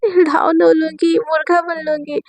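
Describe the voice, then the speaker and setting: A playful, lovestruck young woman student who teases and pleads without letting up, as a woman narrator puts her on. Her voice sits high. The sound is dry and close, with no room around it. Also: level tone, moderate pace, a little mellow, no echo. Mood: pleading. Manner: teasing, pleading.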